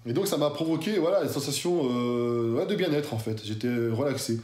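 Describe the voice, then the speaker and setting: A fitness YouTuber talks straight to his audience in a relaxed, slangy way, full of familiar asides. The man's voice is mellow and warm, of middling pitch. The sound bounces around a bare, echoey room. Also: a little fast. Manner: chatty, slangy, addresses viewer as "tu". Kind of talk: casual talk to camera.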